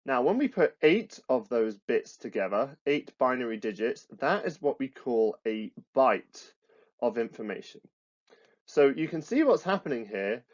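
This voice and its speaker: British guy teaching over slides, restarts a lot, slightly muffled lo-fi audio. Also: mid-range voice. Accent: British English. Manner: explanatory, repeats phrases, frequent restarts and fillers. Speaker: computer science teacher. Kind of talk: recorded classroom lesson with slides.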